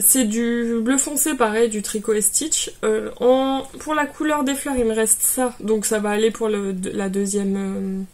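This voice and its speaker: A woman vlogger talks casually about her knitting projects, filling pauses and restarting her sentences as she goes. Her voice sits a little high, and she speaks easily to the camera. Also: darkish tone. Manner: chatty, many fillers and restarts. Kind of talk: casual vlog chat.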